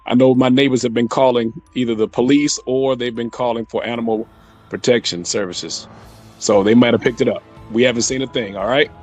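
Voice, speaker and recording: A man's voice: medium pitch, steady tone, brisk, darkish tone, faint music behind. A man with a mid-range voice speaks through a doorbell camera speaker, curt and guarded. The sound is distant and thin, like the device's own audio. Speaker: homeowner.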